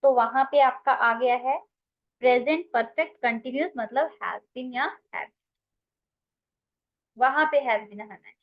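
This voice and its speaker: Indian woman teaching grammar online, kinda high voice, muffled lo-fi sound, keeps calling students beta. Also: unhurried, long pauses. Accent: Indian English. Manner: addresses students as beta, mixes Hindi and English. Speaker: English teacher.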